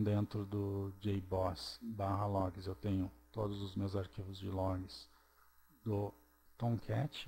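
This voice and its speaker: A man talks through a computer tutorial at an unhurried, deliberate pace, pausing to check in with the viewer. His voice sits a little low and sounds soft and mellow. A faint hum runs under the recording. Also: vocal fry. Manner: slow, step-by-step, checks in with "ok?" and "certo?". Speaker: programming tutorial presenter. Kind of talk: screencast tutorial narration.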